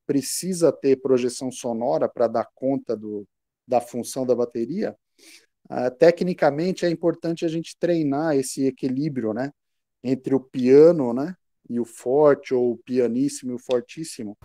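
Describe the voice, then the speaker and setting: A man's voice: medium pitch, unhurried, warm tone, dry recording, studio quality. A man with a Brazilian Portuguese accent teaching percussion online, explaining patiently and chanting rhythm syllables aloud. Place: home room.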